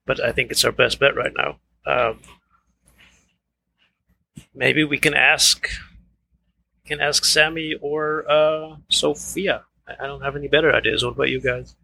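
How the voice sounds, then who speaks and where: A man's voice: mid-range voice, fairly even intonation, unhurried, creaky, pauses often, bright, forceful tone, slightly rough, rough recording. A man chatting casually as a player in a tabletop game, laughing and tripping over names.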